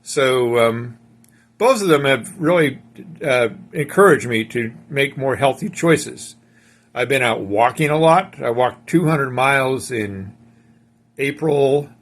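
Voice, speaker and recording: A man's voice: medium pitch, slow pace. A man casually talking viewers through a home recipe step by step, in a rambling, chatty way. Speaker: home cook. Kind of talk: casual cooking demonstration.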